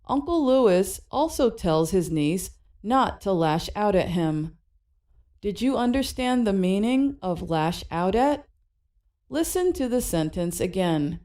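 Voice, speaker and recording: Lady teaching phrasal verbs, super slow, voice goes up and down a lot. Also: mid-range voice, very animated, warm tone. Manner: slow, clear teaching delivery. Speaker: English lesson narrator. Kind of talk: scripted educational narration.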